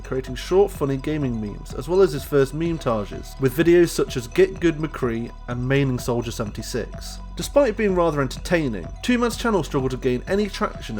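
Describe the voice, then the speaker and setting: A man reading scripted documentary narration for a video essay. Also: medium pitch.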